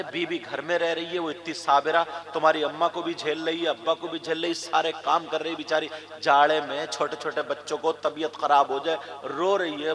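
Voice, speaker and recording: A male preacher from India giving a sermon, telling stories with jokes and stretching out shouted phrases for emphasis. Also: fairly high pitch. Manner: storytelling with jokes, then drawn-out shouted emphasis. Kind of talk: Urdu religious sermon to a crowd.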